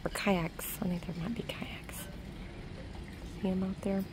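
A woman's voice: mid-range voice, flat delivery, unhurried, whispered. A woman chatting casually to the camera in a vlog, laughing often, recorded outdoors on a docked boat. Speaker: vlog co-host.

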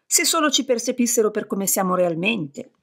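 Woman reading grumpy sage god guy, complaining, husky voice. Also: medium pitch, lively intonation, normal speed, fairly bright tone. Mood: peevish. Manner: quarrelsome, complaining. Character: quarrelsome male enlightened sage deity.

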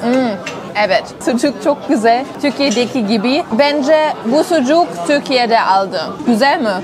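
A woman's voice: sits high, a little slow. A woman food vlogger talking with her mouth full and chewing as she tastes a dish, humming with pleasure in a busy restaurant. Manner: lively, laughs often, savoring food with hums. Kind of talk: casual food-tasting vlog. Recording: noisy crowded restaurant. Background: crowd chatter.

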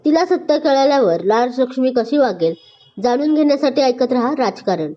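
A woman's voice: high-pitched, expressive, moderate pace, lo-fi sound. A woman narrating a scripted story aloud, voicing each character herself with small changes in her voice. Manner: reads all characters with small voice shifts.

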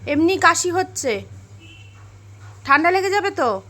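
High-voiced mother coaxing a toddler. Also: sing-song, unhurried. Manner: gentle coaxing, mildly scolding. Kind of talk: home vlog, talking to a small child.

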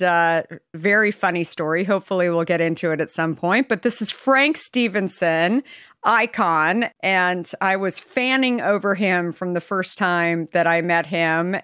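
A bubbly woman hosts a podcast, gushing over her guest in excited bursts. Her voice sits fairly low, smooth and clear, and the sound is close and dry. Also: dry recording. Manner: bubbly, effusive, quick bursts of high excitement. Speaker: podcast host. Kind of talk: enthusiastic interview intro.

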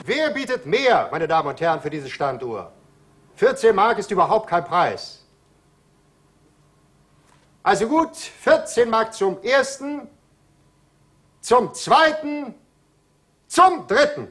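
An actor playing a brisk male auctioneer in an old film, calling out bids in a coaxing, sing-song way. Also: sits high, big pitch swings, fairly bright tone, heavily acted. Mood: coaxing, salesmanlike.

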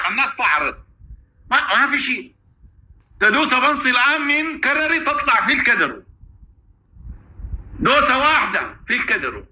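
A man with a Sudanese Arabic accent giving a fervent, celebratory monologue, repeating phrases, taunting and at times shouting. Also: very high voice. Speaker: political commentator.

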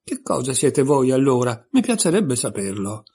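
A man's voice: mid-range voice, big pitch swings, moderate pace, gravelly, warm tone, breathy edge, full character voice. A man reading aloud and voicing a sensible, indignant young girl in a raised, earnest voice.

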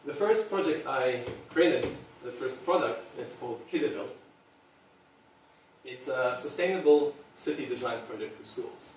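Giving a heartfelt public presentation to a few listeners, a product designer in his thirties from Serbia hesitates often with um. His mid-range voice is expressive and moves at normal speed. Recorded by a far camera in a meeting room, the audio has heavy reverb and a little hiss or hum.

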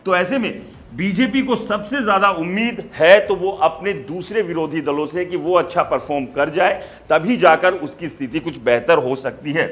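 A man in his thirties delivers political news commentary standing in a studio, talking to camera in an animated way and gesturing as he goes. His voice sits high for a man, and it comes through a lapel mic. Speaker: news editor and presenter. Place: studio in front of a large screen.

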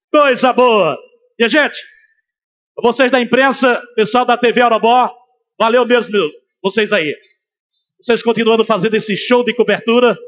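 High-pitched pernambuco MC yelling to the crowd, music playing, muffled audio. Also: male voice. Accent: Pernambuco Portuguese. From Pernambuco, Brazil. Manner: loud, crowd-rousing, shouted calls. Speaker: event announcer and local broadcaster. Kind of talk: festival MC hype. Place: outdoor festival stage at night. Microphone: handheld mic.

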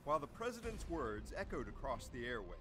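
A man delivering scripted documentary narration in a measured, solemn way. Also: mid-range voice, big pitch swings, background noise. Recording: narration over loud music.

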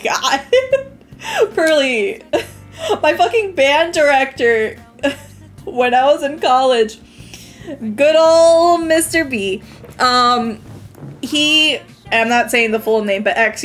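A woman's voice: a little high, a bit bright. A young woman streaming a game, chatting casually with her viewers, laughing often and swearing freely. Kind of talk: casual gaming commentary.

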